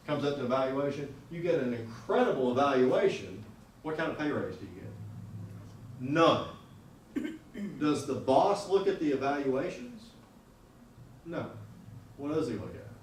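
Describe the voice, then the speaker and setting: A man's voice: medium pitch, animated, unhurried, long pauses, slight background noise. A man teaching a class on salary negotiation in a blunt, conversational way, often asking the students questions. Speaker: lecturer. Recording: echoey room audio recorded from a distance.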